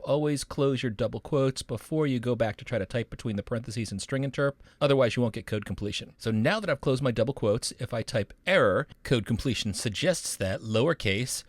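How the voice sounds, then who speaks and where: A university professor narrates a coding tutorial as a programming instructor, sounding upbeat and encouraging. His medium-pitched voice is recorded dry.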